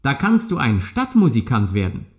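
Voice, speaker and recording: A man reading a fairy tale, voicing a sensible male donkey who talks briskly and persuasively. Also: medium pitch, wildly swooping pitch. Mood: überredend.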